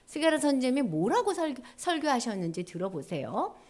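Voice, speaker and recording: A woman preacher giving a children's sermon, animated storytelling in simple words, asking the listeners questions. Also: sits high, brisk.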